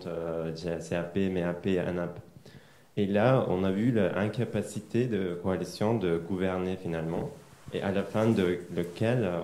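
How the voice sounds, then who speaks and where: A young man with a low, soft-toned voice speaks French with a Turkish accent. He searches for words as he offers his comments at a public discussion. The room is echoey, with a little noise behind him. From Turkey. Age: young adult. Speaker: audience member making a comment. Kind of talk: unscripted remarks at a public discussion. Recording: echoey room, faint noise, some clicks.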